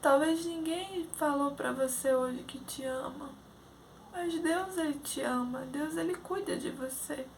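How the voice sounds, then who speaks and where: A woman gives a fervent sermon-style testimony as a lay preacher, moving between raised pleading and hushed whispers. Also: sits high, a little slow, gravelly, slight background noise.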